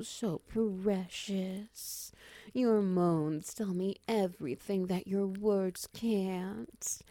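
A woman performing an intimate audio roleplay, speaking slowly and softly with a teasing manner that often drops into whispers. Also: medium pitch, dry recording. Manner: slow, soft and teasing, dipping into whispers.

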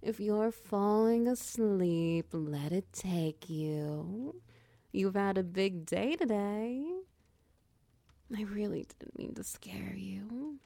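A woman playing a tender, protective girlfriend in a whispered comfort roleplay, talking softly and reassuringly, close to the mic. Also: medium pitch, gravelly, no echo. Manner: soft, slow, reassuring, half-whispered. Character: tender protective dominant girlfriend, doting and patient. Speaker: audio roleplay performer.

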